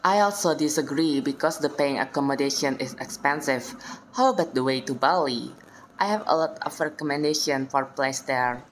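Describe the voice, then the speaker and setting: A woman's voice: extremely low pitch, moderate pace, rough recording. A young woman with an Indonesian accent playing a self-assured friend who organises things, in a recited English dialogue. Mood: practical. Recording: noticeable background noise.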